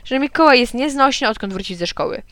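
A woman's voice: sits high, animated, fast talker, fairly bright tone, dry recording. A woman reading a storybook and voicing a harried mother who scolds in an exasperated way. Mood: indignant.

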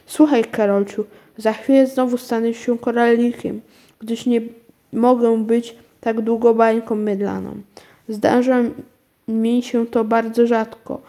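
A woman reading aloud, voicing a tiny male magic bead with a soft, silvery little voice that turns solemn and urgent. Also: fairly high pitch, level tone, slow pace.

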